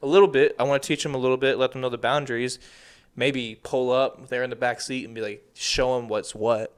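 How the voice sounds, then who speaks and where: A young man co-hosting a casual podcast chat, animated and rambling, full of slang and restarts. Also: medium pitch, fairly quick, clean tone. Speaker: podcast co-host.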